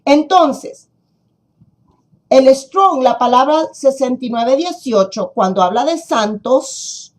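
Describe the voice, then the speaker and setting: Brief: woman congregation teacher, high voice, unhurried Bible lesson, leans on key phrases. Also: lively intonation. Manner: slow, deliberate, repeats and stresses key words.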